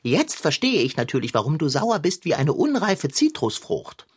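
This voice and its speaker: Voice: medium pitch, wildly swooping pitch, normal speed, husky. Ein trocken spöttischer Ladenbesitzer. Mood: teasing. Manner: teasing, mock-dramatic replies.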